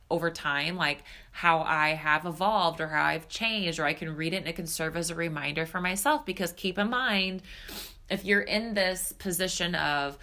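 A woman in her thirties with a deep voice and a sharp tone hosts her own podcast, speaking solo as a podcast host and spiritual coach. She sounds a little stuffed up and nasal, and her talk is chatty, candid and casual, packed with fillers.

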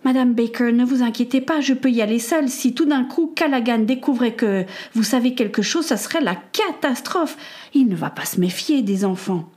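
A woman reading a storybook voices an earnest, worried young boy, slightly higher than her own voice, sometimes whispering a prayer. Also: normal speed, a little mellow, lightly acted. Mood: reassuring.

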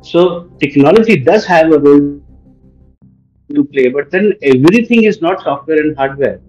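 Earnest middle-aged Indian man, slightly high voice. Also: expressive, normal speed, darkish tone, soft background music, rough recording. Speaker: expert panelist. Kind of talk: explanatory panel talk.

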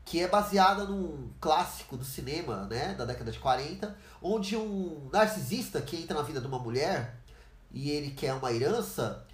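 Earnest Brazilian woman with lively pitch. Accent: Brazilian Portuguese. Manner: earnest, acts out dialogue in quick changing voices. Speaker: podcaster. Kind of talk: podcast monologue. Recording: echoey room.

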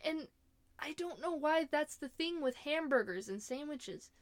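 A woman's voice: high voice, animated, a little slow, dry recording. A young woman ranting casually about her opinions in a chatty, exasperated way, laughing often. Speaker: vlogger.

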